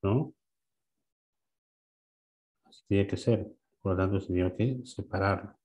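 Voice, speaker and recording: Male teacher with a low, warm voice; a patient questioner who drills his class and repeats each word slowly. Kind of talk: classroom lesson.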